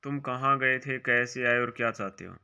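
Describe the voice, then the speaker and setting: Brief: male teacher, very bright and crisp, reads quiz options aloud, then quietly marks each right or wrong. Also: normal speed, dull audio. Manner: drops quieter and lower for short asides. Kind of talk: exam-prep grammar lesson.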